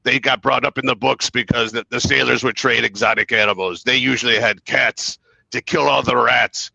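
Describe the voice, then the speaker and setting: A man's voice: medium pitch, fairly even intonation, normal speed, creaky, sharp tone, breathy edge, no room sound, highs cut off. A man reading jokey pirate facts and crew roll-call on a market show, throwing in growled pirate calls. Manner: hammy pirate growls, frequent laughs. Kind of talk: jokey pirate-themed segment read.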